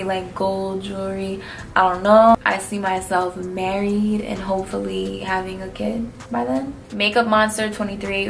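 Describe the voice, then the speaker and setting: Laid-back young New woman, vocal fry. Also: mid-range voice, a little hiss or hum. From New York. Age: early 20s. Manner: slangy, blunt, laid-back. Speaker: vlogger answering fan questions. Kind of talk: casual Q&A chat.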